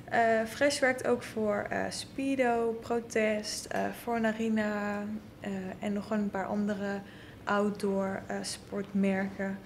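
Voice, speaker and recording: A woman in her twenties speaking with an English-sounding Dutch accent in a casual, halting vlog style, often interrupting herself. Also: mid-range voice, level tone, slight background noise. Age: 20s. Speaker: vlogger. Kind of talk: casual vlog talk to camera. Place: indoor showroom.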